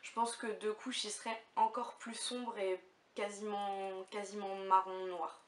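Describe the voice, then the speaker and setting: A young woman chats to the camera about her favourite things, with a chatty, halting delivery full of little fillers. Her voice sits at a middling pitch and sounds a little far from the mic in an echoey room. A faint hiss runs underneath. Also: level tone. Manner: chatty, hesitant with many fillers. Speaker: beauty vlogger. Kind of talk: casual chat to camera. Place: room at home.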